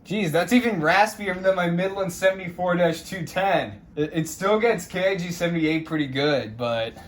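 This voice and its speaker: A man with a high-sitting voice hosts a radio unboxing video at a moderate pace, presenting each step with casual, showy hobbyist flair. Ambient hiss from a noisy room runs through the recording.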